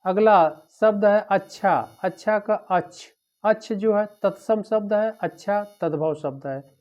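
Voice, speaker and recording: A man teaching an exam-prep lecture, drilling through word pairs one after another in a steady, repetitive way. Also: high-pitched. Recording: dull lo-fi recording.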